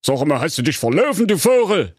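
A man doing a boastful, shrill evil wizard. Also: big pitch swings, brisk, a little mellow, husky, dry recording, studio quality. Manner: boastful, scornful.

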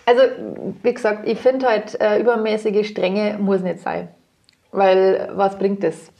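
A woman's voice: mid-range voice, level tone, unhurried, creaky, dark tone. A middle-aged woman with a Bavarian accent, telling candid stories in a casual podcast chat and acting out the voices of the people she quotes. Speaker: guest.

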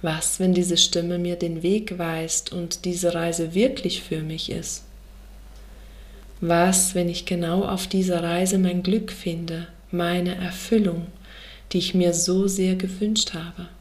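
A woman reading her own book aloud in the first person on a podcast, soft and intimate, often dropping to a half whisper. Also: on the low side, level tone, slow.

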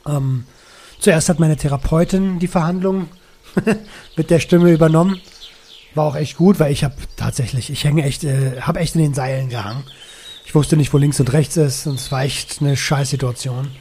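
Man, candid and reflective vlogger, informal slang; slightly high, soft tone. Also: moderate pace, slightly rough. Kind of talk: casual personal vlog.

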